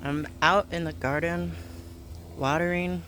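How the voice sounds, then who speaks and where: Man, slow halting delivery, slightly high voice, casual garden vlog, faint outdoor noise. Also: fairly even intonation, bright, forceful tone. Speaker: gardening vlogger.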